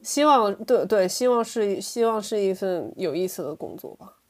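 A woman chatting casually as an interview guest, telling anecdotes in an animated way. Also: mid-range voice, normal speed. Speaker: podcast guest, language teacher.

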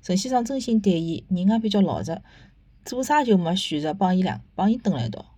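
Casting: Shanghainese-accented woman, casual review host, opinionated chat, dark soft-edged tone, very dry close sound. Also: medium pitch, lively intonation, fairly quick, husky, no room sound. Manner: conversational, opinionated, with rhetorical tag questions. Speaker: host of a book and theatre review podcast.

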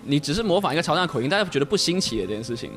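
Podcast guest, male, light Cantonese-accented Mandarin, animated and explanatory delivery at a brisk clip over faint music. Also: a little high. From Guangzhou, China. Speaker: guest, full-time short-video creator. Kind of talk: casual podcast chat.

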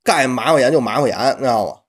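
A man with a Tianjin accent co-hosts a podcast, chatting casually and comically in earthy, colloquial speech with some mild swearing. His mid-range voice moves at a quick pace with lively intonation.

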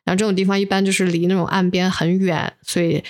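A woman's voice: lowish voice, little pitch movement, quick pace, a little mellow. A woman co-hosting a podcast while under the weather, telling personal stories casually and mixing English words into her Mandarin. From inland China. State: unwell, recording while sick. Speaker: podcast co-host. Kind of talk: casual chat, personal storytelling.

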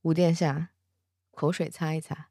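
A woman's voice: low-pitched, level tone, no room sound, studio quality. A woman doing a cool, teasing old immortal. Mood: cool dismissive. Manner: soft, slow and teasing. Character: cold proud ancient immortal man, teasing.

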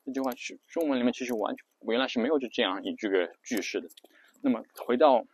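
Patient male teacher drilling phrases. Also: medium pitch. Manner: patient, explanatory, repeats example phrases slowly; drills English phrases aloud. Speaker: English teacher and podcast host. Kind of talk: spoken lesson on English rhythm.

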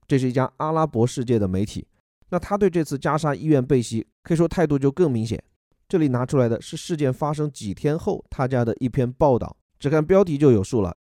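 A man teaching how to read English news, patiently explaining each word and reading quotes slowly. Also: medium pitch, warm tone, no echo, clean studio sound.

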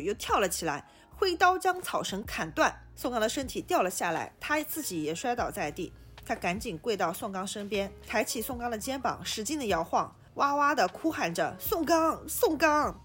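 Expressive woman reading a novel aloud. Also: medium pitch. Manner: expressive storytelling. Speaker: book club podcast host.

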